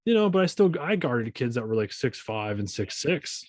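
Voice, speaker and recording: A podcast host from Maine rambles through old basketball stories in a casual, profane way. His voice sits at a middle pitch. It is recorded close and dry. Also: sing-song, moderate pace, dry recording, poor audio. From Maine, USA. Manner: rambling storyteller, swears casually. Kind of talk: casual chat.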